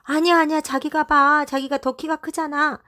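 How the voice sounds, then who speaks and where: A woman voicing a group of anxious young mothers who chatter in excited, high voices. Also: brisk. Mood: flustered.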